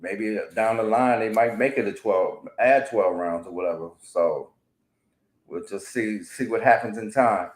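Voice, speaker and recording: A man's voice: on the low side, unhurried. A man chatting casually about sports as a co-host, agreeable, laid-back and colloquial. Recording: roomy, echoey sound.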